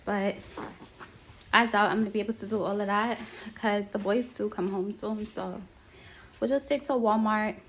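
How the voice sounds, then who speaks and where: A young woman with a New York accent talks casually to her followers while she heads out on errands. She rambles warmly from one thought to the next, with a faint hiss of background noise. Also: medium pitch, low-quality recording. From Queens, New York. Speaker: vlogger. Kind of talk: casual shop-along vlog.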